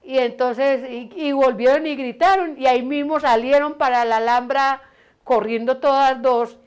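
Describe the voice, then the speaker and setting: Storyteller: older woman, Antioquian accent, rambling and amused, smooth tone. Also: high voice, fairly even intonation, moderate pace. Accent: Antioquian Colombian Spanish. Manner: meandering, frequent restarts, amused. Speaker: storyteller recalling her mother. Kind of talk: casual oral storytelling.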